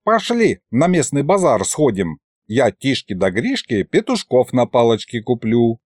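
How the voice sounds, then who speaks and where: A man's voice: mid-range voice, sing-song, a little slow, darkish tone, no room sound. A man voicing a doting, teasing old grandfather with a folksy rustic drawl in a raised voice. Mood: easygoing.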